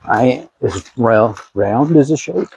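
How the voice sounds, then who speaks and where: A man's voice: mid-range voice, animated, slow pace, gravelly, a little mellow. A man cracks dry, self-deprecating jokes as he walks along a forest trail, heard from a little away from the camera. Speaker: vlogger's hiking partner. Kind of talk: casual banter on a hike. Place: outdoors on a forest trail near a waterfall. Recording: dull lo-fi sound, faint hiss, off-mic.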